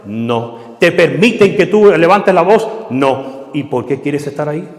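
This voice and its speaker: A man's voice: fairly high pitch, animated, a little slow. A man preaching a sermon, emphatic, asking questions of the congregation and answering them himself. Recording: echoey hall.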